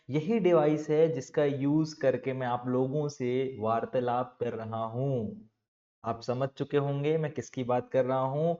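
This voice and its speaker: A man teaching a lecture to children, lively and playful, asking questions and answering them himself, recorded on a lapel mic. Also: medium pitch, lo-fi sound.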